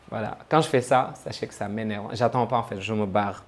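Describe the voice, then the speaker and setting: A man from Senegal talking casually to camera about himself, chatty and joking at his own expense. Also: fairly low pitch. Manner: chatty, joking, self-mocking. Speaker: travel vlogger.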